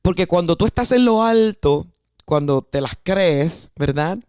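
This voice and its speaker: A woman's voice: lowish voice, expressive, a little slow, a little mellow, smooth, dry recording, clean studio sound. A woman from Puerto Rico with a Puerto Rican accent, preaching a sermon and stressing key phrases by repeating them. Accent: Puerto Rican Spanish.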